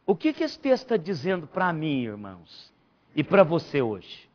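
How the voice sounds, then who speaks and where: A man's voice: on the high side, wildly swooping pitch, moderate pace. A man, a pastor, teaching a Bible study and stressing key phrases by repeating them. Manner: emphatic preacher, repeats key phrases, rising to near shouts. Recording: dull lo-fi church recording.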